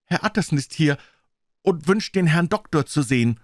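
A man's voice: medium pitch, very animated, moderate pace, no room sound, clean studio sound, pitched above the performer's own voice. A man voicing an old, loyal male servant who speaks in an urgent, pleading way in a storybook reading.

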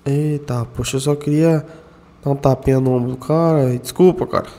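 A man, doing animated game roleplay full of slang and tough-guy banter. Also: medium pitch, normal speed. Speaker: gamer doing roleplay as a gorilla's son. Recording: reverberant with faint background music.

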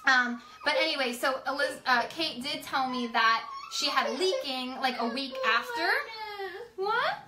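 A woman's voice: sits high, normal speed, hardly any pauses. A young woman in casual chat with her viewers, telling stories and laughing as she talks at home with a toddler nearby. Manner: chatty, laughing, retells stories with quoted voices. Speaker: vlogger. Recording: echoey room, faint background hum.

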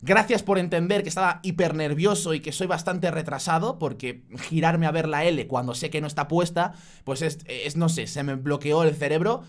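A young man with a Spain Spanish accent telling an anecdote to his viewers, self-mocking and animated, acting out both sides of the conversation. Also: a little high, moderate pace. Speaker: YouTuber. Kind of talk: casual storytelling to camera.

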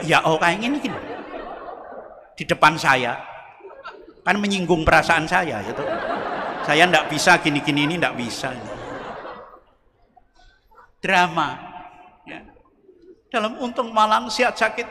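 Man, priest's sermon, high voice, very bright, joking storyteller. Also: slight background noise. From Indonesia. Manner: humorous storytelling, acts out quoted voices. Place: large church. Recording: long church reverb.

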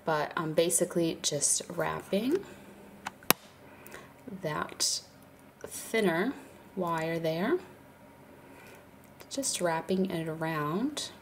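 Her voice lowish, a woman with a cold and a blocked nose chats her way through a craft tutorial at an indoor table, sprinkling in fillers and small laughs. Birds can be heard outside, and a little hiss or hum runs under the recording.

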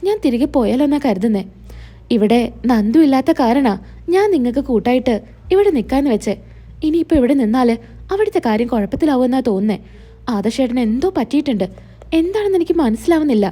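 A woman voicing a worried young wife who pleads anxiously, in a lively, mellow voice. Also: high voice, fast talker, breathy edge.

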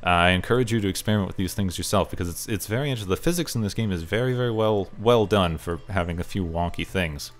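Low-voiced young man explaining gameplay. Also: fast, few pauses. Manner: rambling, self-deprecating, explains at length. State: losing his voice. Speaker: gaming channel host. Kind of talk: casual gameplay commentary.

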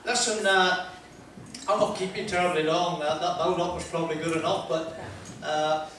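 An older man from Northern Ireland, a motivational speaker, tells a rambling, self-deprecating anecdote to a seated audience in a large wood-panelled function room. His voice sits a touch high for a man, steady and fairly bright, with chatty "uh" pauses and laughs. He speaks into a handheld mic but is captured from a distance, with the big room echoing around him and a little hiss or hum.

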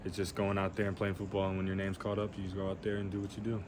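Young male athlete, low voice, flat delivery, hesitant with fillers, noisy weight room. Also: racing. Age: young adult. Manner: plain-spoken, hesitant, many fillers. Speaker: college quarterback. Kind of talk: postgame press Q&A. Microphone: handheld reporter mics.

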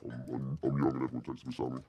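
Man through a deep voice changer. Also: completely flat delivery, a crowd in the background. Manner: halting, repeats words. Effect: voice changer pitching the voice very deep. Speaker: teammate in an online shooter. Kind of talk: casual gaming voice chat.

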